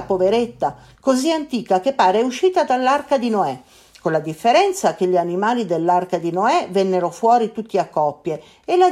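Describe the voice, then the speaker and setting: A woman narrating a children's storybook in an expressive, mock-earnest diary voice. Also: medium pitch. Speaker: audiobook narrator. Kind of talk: storybook reading in a boy's diary voice. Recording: guitar music behind voice.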